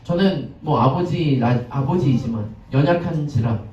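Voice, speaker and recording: Guy preaching a chatty sermon, voice bouncing up and down, mellow tone, picked up from far off in a boomy church. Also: animated, normal speed. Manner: chatty, asks the congregation questions, acts out scenes. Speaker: pastor. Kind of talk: conversational sermon. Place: church sanctuary. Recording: echoey, distant, dull lo-fi sound.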